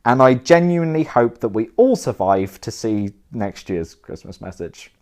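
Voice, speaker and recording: A man's voice: mid-range voice, big pitch swings, moderate pace, a little mellow. A young man giving a casual thank-you message to viewers indoors by a fire, self-deprecating, with dry asides that trail off into mumbles. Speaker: board game reviewer.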